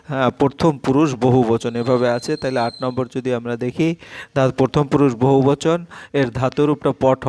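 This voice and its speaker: A man with a Bengali accent teaching an exam-prep lesson, reading out answers slowly with many hesitant fillers. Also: medium pitch, darkish tone, no room sound.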